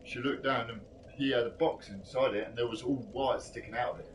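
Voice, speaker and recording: A man with a London accent telling stories casually in rough, sweary slang. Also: mid-range voice, fairly even intonation, brisk, a little hiss or hum. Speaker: live-streamer telling personal stories. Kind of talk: casual chat, anecdotes. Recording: distant mic with music behind.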